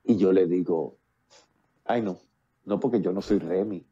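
A man in his fifties from Puerto Rico, a playwright and actor, is a guest on a casual video-call interview, talking at length with frequent fillers and restarts in a Puerto Rican Spanish accent. His voice sits low and sounds mellow and unhurried. The audio is lo-fi, captured through earphones with a built-in mic.

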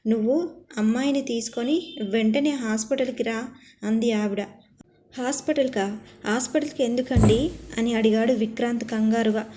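A woman narrating a family drama story, reading every part in one steady voice. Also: a little high, normal speed, very noisy. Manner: reads all parts in one steady voice.

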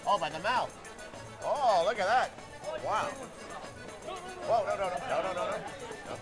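A middle-aged man with a fairly high voice presents a food travel show at an outdoor fish market, wearing a lapel mic. He is excitable and exclaims at everything he sees. A loud crowd and music fill the space behind him. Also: unhurried, creaky. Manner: excitable, exclaims often, laughs easily. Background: crowd chatter and background music.

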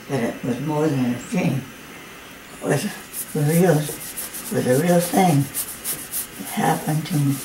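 An elderly woman in her eighties, low-pitched and slightly slurred from missing teeth, speaks in an earnest, halting, plainspoken way in her living room. An amateur watercolor painter and video maker, she gives personal testimony and a casual painting demonstration. The homemade recording is echoey with noticeable background noise.

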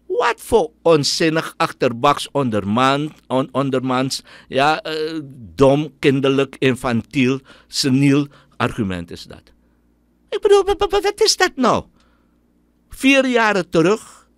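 A man's voice: on the high side, big pitch swings, measured pace, no room sound. A middle-aged man with a Surinamese Dutch accent, giving an indignant, scornful opinion monologue as a radio commentator.

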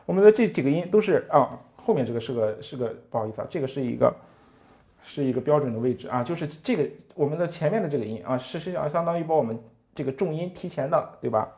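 Man teaching piano lively, animated speech. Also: fairly high pitch, fast. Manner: counts beats aloud, asks frequent rhetorical tag questions. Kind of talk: music lesson with counting and playing. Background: piano playing.

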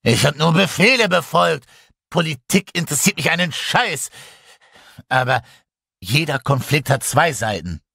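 A man reading a horror audiobook, voicing a defensive Russian soldier pilot who argues loudly and angrily. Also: mid-range voice, animated, normal speed, slightly rough, no room sound. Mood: angry, defensive. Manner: agitated, loud and combative.

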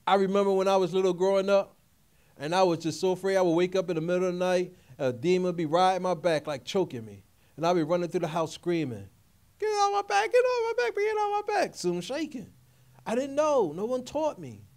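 A middle-aged man delivers a sermon in a notably high voice. He preaches in emphatic, repeated phrases and keeps calling out questions to his listeners. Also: lively intonation, fairly quick, darkish tone. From Philadelphia area. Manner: call-and-response preaching, repetitive and emphatic. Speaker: pastor.

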